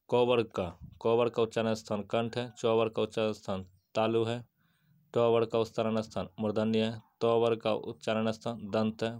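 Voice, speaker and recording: Low-voiced man teaching grammar. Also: clear, resonant tone. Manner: steady, list-like recital with questions answered himself. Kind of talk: exam-prep grammar lesson.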